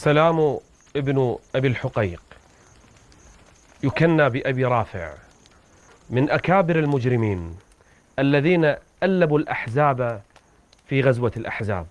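A man's voice: lively intonation, moderate pace, long pauses. A man preaching and retelling an old story with dramatic rises in his voice. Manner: dramatic storyteller, rising pitch at tense moments. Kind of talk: religious storytelling sermon.

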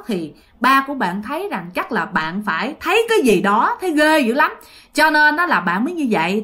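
Animated Southern Vietnamese woman storyteller. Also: on the high side. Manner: dramatic, addresses listeners directly. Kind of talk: spoken ghost-story narration.

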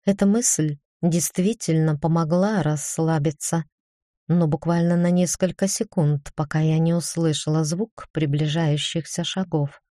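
A woman narrating a first-person fantasy audiobook in an even, measured reading. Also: low voice, dry recording, clean studio sound.

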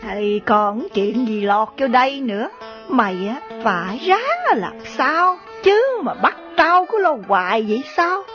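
A woman's voice: a little high, very animated, unhurried, a bit bright. A woman voicing a weary, scolding older country mother with a Southern Vietnamese accent, in radio drama style. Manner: nagging, complaining. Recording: dull lo-fi recording, faint music.

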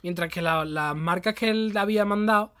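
Bright high-voiced man explaining. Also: moderate pace, clear, resonant tone. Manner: explains at length, laughs often. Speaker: podcast co-host. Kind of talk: casual comedic chat.

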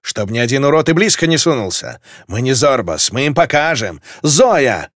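Brief: a man as a mouthy young woman officer, raised and high, dry sound. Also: sing-song, moderate pace, fairly bright tone, no room sound. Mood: defiant. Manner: snapping back, raised voice. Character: defiant young woman ship officer, insolent.

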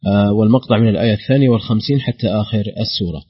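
A man hosting a recitation program, briskly announcing details and handing over to the sheikh. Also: fairly low pitch, husky. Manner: rattles off details quickly. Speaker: program host. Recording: dull lo-fi audio.

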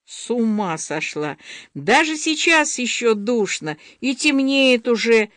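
A mild, soft-spoken young man, voiced by a woman reading a story, who keeps his voice low and gentle. The sound is dry and close, with no room around it. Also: expressive, slow, no echo. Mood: lazy.

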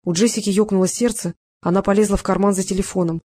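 A woman's voice: mid-range voice, fairly even intonation, fast talker, dark tone. Woman reading a novel aloud. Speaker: audiobook narrator. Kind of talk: scripted narration.

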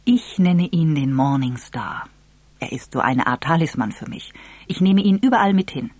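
A sly, good-humoured elderly gentleman who enjoys teasing, voiced by a storyteller. He speaks in a dry, easy tone with a slight breathiness. The sound is close and free of room echo. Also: mid-range voice, lively intonation, moderate pace, natural voice. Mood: genial.

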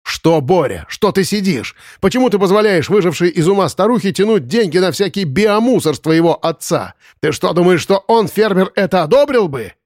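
A man voicing a greedy, arrogant young man who talks down to people and flares up fast, in an audiobook. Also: sing-song, darkish tone, no echo, clean studio sound. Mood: shouting. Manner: condescending, then shrill and indignant. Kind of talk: audiobook character voice.

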